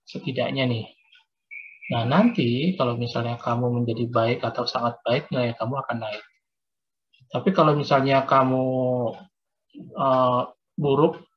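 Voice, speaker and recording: Male religion teacher, casual and patient, plenty of fillers, mid-range voice, lo-fi video call audio. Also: medium pitch. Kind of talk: explaining an exam to students on a video call.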